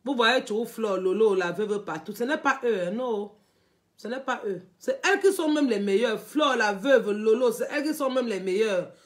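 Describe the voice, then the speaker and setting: A woman's voice: on the high side, normal speed. A woman, hosting an unscripted live stream and ranting animatedly, repeating herself and often laughing through her words. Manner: animated, repetitive, often laughing while talking.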